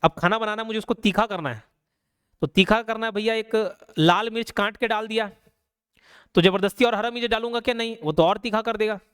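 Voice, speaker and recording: A male teacher giving a casual, conversational grammar lesson. He keeps asking rhetorical questions and slows down to spell out each example. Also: high-pitched, a bit bright, clear, resonant tone, no echo, clean studio sound. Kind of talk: casual classroom explanation.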